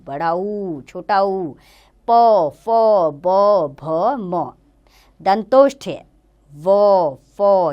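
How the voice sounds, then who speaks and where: A woman teacher giving a grammar lesson to children, slowly sounding out letters one by one. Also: fairly low pitch.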